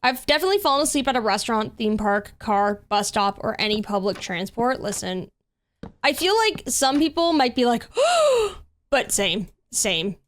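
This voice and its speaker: A woman talks casually to her stream viewers while playing, rambling from thought to thought with lots of "like". Her voice sits a little higher than most. She greets people with a lilting, friendly lift. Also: lively intonation, moderate pace. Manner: chatty, rambling, lots of 'like' and 'literally'. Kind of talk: casual livestream chat while gaming. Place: home room.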